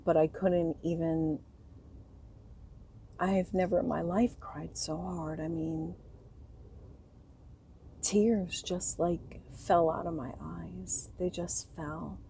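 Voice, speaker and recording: A grieving middle-aged woman tells a personal story to the camera in a soft, rambling vlog, her low voice breaking and trailing off. There is slight background noise.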